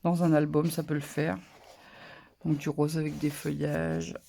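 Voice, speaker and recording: A papercraft channel host chatting casually through a haul of paper pads, relaxed and hesitant. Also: medium pitch, measured pace, creaky, slight background noise. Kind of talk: casual haul show-and-tell.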